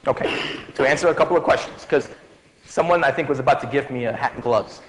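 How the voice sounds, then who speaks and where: Speaking quickly in a medium, slightly bright voice, a man in his forties gives a farewell lecture to medical students. He's conversational and jokey, with plenty of fillers and restarts. The lecture hall sounds reverberant, with faint background ambience.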